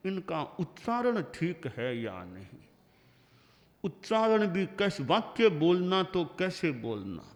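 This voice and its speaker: An older man preaches in a slow, deliberate way, his fairly high voice rising and falling a great deal. The sound rings with the long reverb of a big hall. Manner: slow, measured teaching with examples and pauses. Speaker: Jain acharya giving a discourse. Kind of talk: sermon.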